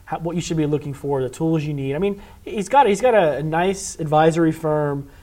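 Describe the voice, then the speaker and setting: Chatty, slightly high-voiced male podcast host. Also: brisk, warm tone. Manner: rambling, with many restarts. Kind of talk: casual podcast chat.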